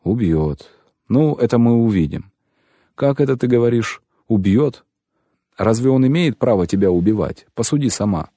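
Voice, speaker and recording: A man's voice: medium pitch, expressive, normal speed, dark tone, no echo, voice pushed up, lightly acted. A man voicing an impatient middle-aged butler who scolds and gives orders, in an audiobook reading. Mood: stern. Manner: brusque, scolding, commanding.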